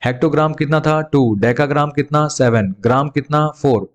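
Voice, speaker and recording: Calling his young students "beta," a man with an Indian English accent teaches them math, posing questions and then answering them himself. His voice is a little high and his pace is normal.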